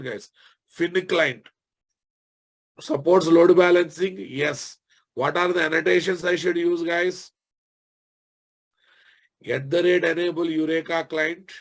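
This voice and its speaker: A man with a Telugu Indian accent and a slightly husky voice, teaching a live technical class, repeating phrases and quizzing his students informally. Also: on the high side. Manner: repeats phrases, often addresses listeners informally. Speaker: programming instructor.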